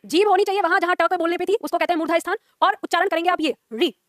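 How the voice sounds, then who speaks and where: A woman's voice: very high voice, steady tone, rapid-fire, dry recording, studio quality. A young woman teaching a Hindi class, explaining pronunciation patiently, repeating points and drilling sounds aloud.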